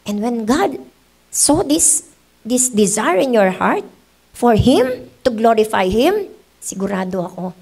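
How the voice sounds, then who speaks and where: A woman's voice: fairly high pitch, big pitch swings, slow, vocal fry, darkish tone, breathy edge. A middle-aged Filipino woman pastor preaching a sermon in church, mixing in English and acting out quoted voices. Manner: switches between Tagalog and English, acts out quoted voices.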